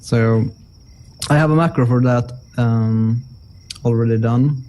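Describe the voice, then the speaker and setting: A man acting as game master, calmly asking his players practical questions about their plans. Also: medium pitch, slow pace. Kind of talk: casual chat among players.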